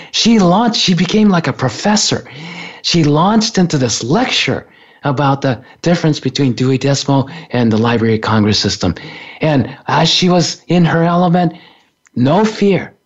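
An older man in his sixties tells a story casually, laughing and acting out other people's voices. His pitch swings widely as he goes. The recording sounds dull and lo-fi, like talk radio. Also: slightly rough. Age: 60s. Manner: animated, laughing, acts out other people's lines. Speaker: co-host.

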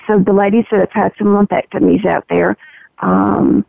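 A woman with a gravelly, froggy, medication-roughened voice gives a candid, reflective personal account as an interview guest, in halting phrases. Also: mid-range voice, little pitch movement, no echo. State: voice roughened by morphine. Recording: narrow, tinny phone-line sound.

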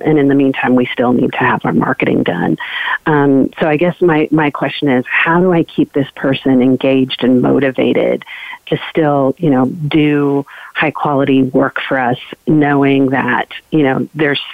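A woman's voice: a bass voice, unhurried, gravelly, dry recording. Woman calling in over a tinny phone line. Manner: hesitant, many ums and restarts. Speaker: radio show caller. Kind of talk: casual call-in question.

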